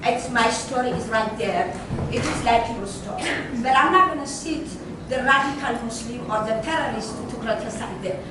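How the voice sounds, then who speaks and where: A woman in her sixties from Ethiopia asks a long, earnest question from the floor, her phrasing halting and repetitive. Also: fairly high pitch. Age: 60s. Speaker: audience member asking a question. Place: restaurant dining room. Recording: roomy, distant, noisy restaurant.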